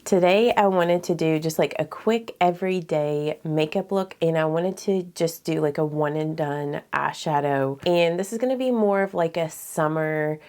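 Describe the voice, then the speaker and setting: Speaking at a moderate pace with few pauses, this woman has a low-pitched, slightly mellow voice. She's a beauty vlogger casually narrating her get-ready-with-me routine, a touch nasal and congested, with frequent filler words.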